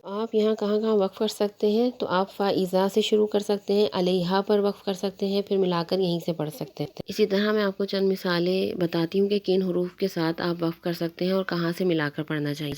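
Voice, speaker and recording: A woman with a Pakistani Urdu accent teaching a tajweed lesson, explaining step by step and slowly chanting verses as examples. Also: medium pitch, fairly even intonation, darkish tone. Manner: patient, step-by-step explanation, slow melodic recitation of verses. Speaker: Quran recitation teacher.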